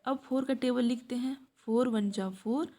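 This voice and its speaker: A woman's voice: on the high side, fairly even intonation, moderate pace, warm tone. A woman teaching a math class, asking the class questions and answering them herself, with frequent checks that they understood. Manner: frequent checks like "samajh mein aaya?".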